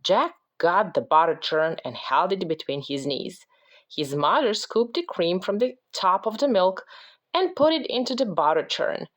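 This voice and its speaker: A woman reading a children's picture book aloud as a parent, with slow, expressive storytelling. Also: on the low side.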